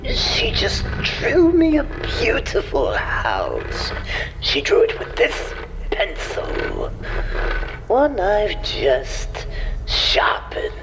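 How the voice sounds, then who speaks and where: An actor playing a gleeful, sadistic clown villain in a comic-book audio drama, with a theatrical, mock-tender drawl. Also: male voice, high voice, huge pitch swings, very slow, background noise, exaggerated voice. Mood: mock-sweet menace.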